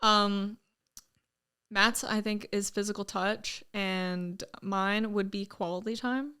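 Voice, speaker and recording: A young woman guest on a podcast with a smooth, clear voice. She tells her stories in an easygoing, upbeat way and laughs along with the host. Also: medium pitch, steady tone, takes it slowly, pushed and bright. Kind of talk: casual chat.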